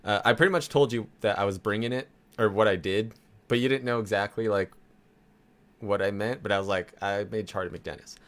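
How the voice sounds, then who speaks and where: A man's voice: lowish voice, a little fast. Chatty male podcast co-host explaining rules. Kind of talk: casual chat.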